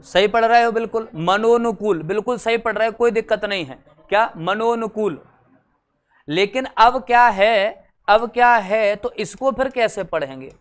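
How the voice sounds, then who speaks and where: Smooth-voiced chatty male teacher. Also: high-pitched, expressive, unhurried, a bit bright. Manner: chatty, teasing, quizzes the class. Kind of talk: exam-prep lecture.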